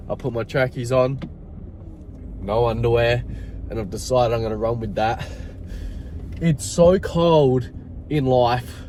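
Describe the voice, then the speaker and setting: A man's voice: fairly high pitch, darkish tone, slight background noise. Nasal, stuffed-up man chatting casually. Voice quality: nasal, congested from a blocked nose. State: sick with a cold, coughing. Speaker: self-employed window cleaner vlogging his day. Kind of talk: casual, sweary vlog chat.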